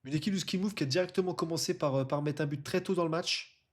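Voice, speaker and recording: A man's voice: fairly high pitch, fast. A man casually presenting and commentating live on an online football tournament as its streamer and host.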